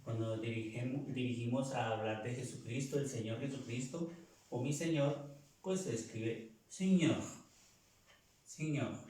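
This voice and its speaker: A man teaching a French lesson, repeating words slowly and clearly for learners to copy. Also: medium pitch, warm tone. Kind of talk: slow language lesson with drilled pronunciation. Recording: echoey room, voice far from mic.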